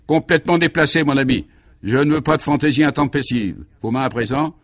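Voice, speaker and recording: A man voicing a dapper, fastidious police commissioner in his fifties in a vintage radio play, speaking in a clear, crisp, commanding way. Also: medium pitch, animated, close to an everyday voice. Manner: crisp, commanding, fussily precise.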